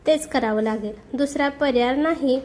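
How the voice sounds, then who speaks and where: Smug teasing young man for a storybook, voiced by a woman reader with a soft, mellow tone. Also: sits high, moderate pace, slight background noise, lightly acted. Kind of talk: audiobook character reading.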